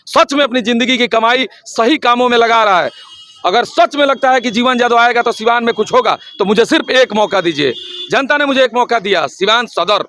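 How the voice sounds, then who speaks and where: Fiery high-voiced campaigner. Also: male voice, no room sound. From Siwan district, Bihar, India. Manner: forceful, rhetorical, repeats his slogans. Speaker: local election candidate. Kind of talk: impassioned campaign interview.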